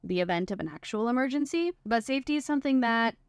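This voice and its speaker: A woman's voice: on the high side, lively intonation, fast, clean tone, dry recording, clean studio sound. A woman in her twenties who works as a cruise ship performer, chatting casually to the camera from her cabin with lots of filler words. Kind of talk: casual vlog explainer. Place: small crew cabin on a ship.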